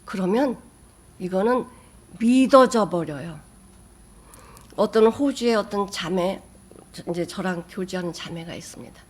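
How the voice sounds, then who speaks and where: A woman pastor giving a sermon, who swings from loud emphatic bursts to soft, near-whispered asides. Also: measured pace, long pauses, slightly rough. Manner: emphatic, with sudden rises in pitch and loudness.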